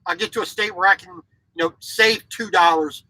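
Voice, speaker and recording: A forties trucker who was a military kid in Japan vlogs from his small sleeper cab, talking fairly quickly in a high-pitched, bright and forceful voice. The recording is low quality. He's blunt and opinionated, repeating words and restarting often in a casual monologue.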